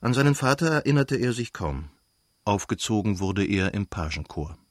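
A man calmly reading a novel aloud as an audiobook narrator in a measured way. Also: lowish voice, no room sound, clean studio sound. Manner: calm, measured storytelling.

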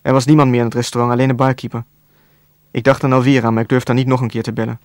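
Flat-voiced man narrating a novel. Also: medium pitch, racing, no room sound. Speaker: audiobook narrator. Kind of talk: scripted narration.

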